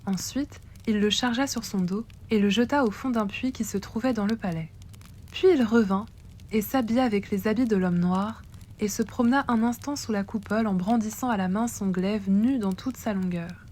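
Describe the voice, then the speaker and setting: A woman storyteller reading aloud from a classic tale, with a measured and expressive delivery. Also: mid-range voice.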